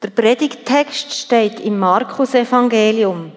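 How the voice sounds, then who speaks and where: A woman reading a psalm and a gospel passage aloud in a church service, measured and solemn. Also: a little high. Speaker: scripture reader. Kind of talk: slow church scripture reading. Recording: reverberant church hall.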